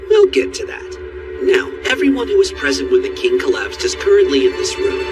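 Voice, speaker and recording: Animated teenage boy playing amateur sleuth. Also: medium pitch, normal speed, distant mic, over music. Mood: playful showmanship. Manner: amateur sleuth theatrically laying out deductions. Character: teenage boy amateur sleuth, polite, playful, cleverly showing off. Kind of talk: English anime dub acting.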